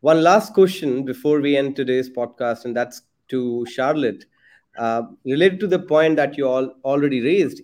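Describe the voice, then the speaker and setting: A man's voice: fairly high pitch, a little mellow. A man hosting a podcast, asking long, carefully framed interview questions. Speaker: podcast host.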